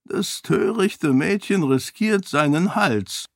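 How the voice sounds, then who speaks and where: A man voicing an amused old duke who speaks slowly and teasingly in an audiobook. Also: fairly high pitch, animated, creaky, dry recording, studio quality, pitched above the performer's own voice, heavily acted. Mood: wry, amused. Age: older. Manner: slow, teasing, drawn-out speech.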